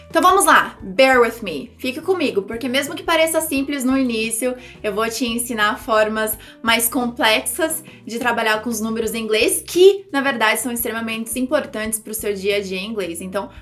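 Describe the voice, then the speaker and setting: Woman teaching english, high voice, unhurried, soft music behind. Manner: lively, explains with repeated example words. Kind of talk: language lesson for Portuguese speakers.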